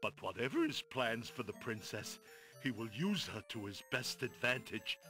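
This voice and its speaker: Silly clown, bright and bouncy. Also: male voice, mid-range voice, very animated, moderate pace, soft background music. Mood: worried, gossipy. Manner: silly clown voice, exaggerated and theatrical. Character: silly, worried male royal court clown, talkative and wistful. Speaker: royal court clown in a video game. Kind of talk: character voice acting in an adventure game.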